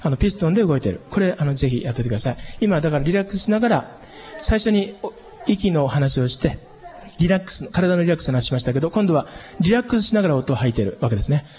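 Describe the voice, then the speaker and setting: A man leading a calm vocal training lesson, explaining relaxation and demonstrating long, breathy exhalations. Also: on the high side, fast talker. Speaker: voice and breathing instructor. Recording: long reverb, dull lo-fi sound.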